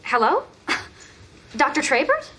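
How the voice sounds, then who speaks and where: Sarcastic no-nonsense young mom, high lively voice. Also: female voice, exaggerated voice. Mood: flustered. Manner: dry, sarcastic, brisk. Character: practical, sardonic young mother. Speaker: wife and mother. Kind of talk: sitcom acting.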